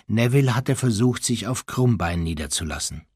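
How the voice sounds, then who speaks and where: A man narrating an audiobook in expressive storytelling style, with a husky voice. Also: lowish voice, moderate pace, no room sound, clean studio sound. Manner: expressive storytelling, voicing the characters. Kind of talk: audiobook reading.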